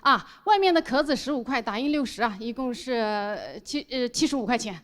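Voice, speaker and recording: A woman's voice: on the high side, lively intonation, fairly quick, big-room sound, close to an everyday voice. A woman voicing a shifty middle-aged male shop owner who sounds flustered and defensive. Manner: flustered, then brusque and defensive.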